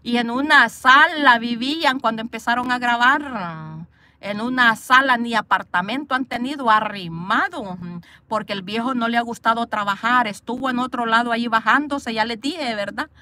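Her voice fairly high, pushed and bright at normal speed, a woman talks into her phone from a parked car with the outdoors in view. She reads live comments aloud while gossiping and scolding bluntly.

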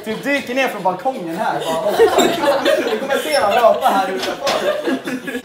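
A woman chatting casually, giggly and animated. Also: a little high, reverberant, over a noisy crowd. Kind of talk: casual chat.

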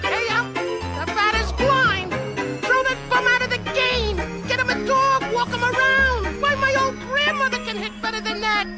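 A man's voice: extremely high pitch, moderate pace. A man voicing a wisecracking, malicious ventriloquist's dummy in a horror-comedy film, shrilly jeering in infield chatter like a heckling ballplayer. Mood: mocking heckling. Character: wisecracking, leering, malicious deformed ventriloquist's dummy brother, male. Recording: loud film music over the voice.

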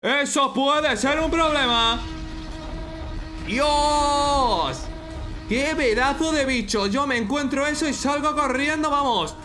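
A young man with an accent from Spain, giving excited, exclamatory reaction commentary as an anime fan. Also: very high voice, slow pace, soft background music. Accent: Spanish from Spain. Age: young adult. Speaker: reaction video host.

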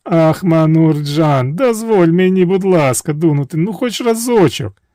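A man voicing a tricky young fairy-tale princess, with shrill, pleading cries and coaxing pleas. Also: expressive, a little slow, dark tone, no room sound, studio quality.

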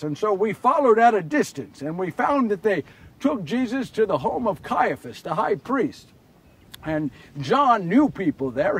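A high-pitched male actor performs solo as Simon Peter, a big, remorseful fisherman disciple, in a first-person dramatic monologue of the Bible story. His earnest, confessional, theatrical telling swings from hushed to shouting. The mic is distant and picks up a faint hiss or hum.

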